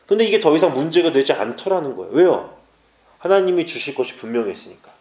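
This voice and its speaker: A man preaching a youth sermon in an echoey church hall, his voice sitting on the higher side and swinging widely up and down. He presses his listeners with urgent, direct appeals and breaks in with playful asides. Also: big pitch swings, fast, darkish tone, muffled recording. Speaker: junior pastor. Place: church sanctuary.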